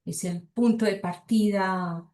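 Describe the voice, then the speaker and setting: A woman's voice: mid-range voice, fairly even intonation, slow pace, dark tone, echoey room. A middle-aged woman with a Colombian Spanish accent giving an academic lecture, reading passages aloud and thinking aloud with frequent hesitations and rhetorical asides to her listeners.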